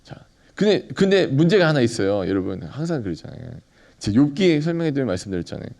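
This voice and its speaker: Pastor, male, mellow tone, chatty sermon with questions to the congregation. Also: mid-range voice, sing-song, fast, vocal fry. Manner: conversational preaching, asks the congregation questions and acts out dialogue.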